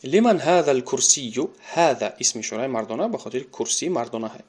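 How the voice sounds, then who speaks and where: A man's voice: medium pitch, lively intonation, a little mellow, breathy edge. Man teaching Arabic, Tajik accent. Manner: reads each Arabic sentence, repeats it, then translates. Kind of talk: recorded grammar lesson.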